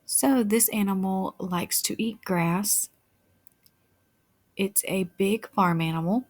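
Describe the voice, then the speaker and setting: A woman's voice: mid-range voice, slow. A woman teacher giving a phonics lesson to young children as if reading to a toddler, with simple patient questions, repeated words, sounded-out letters and encouragement. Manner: encouraging praise. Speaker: early-years teacher.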